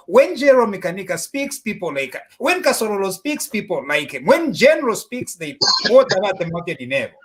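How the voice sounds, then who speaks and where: Playful host guy, high voice that jumps all over, keeps restarting. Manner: lively, stumbling restarts, playful. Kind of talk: online talk show hosting.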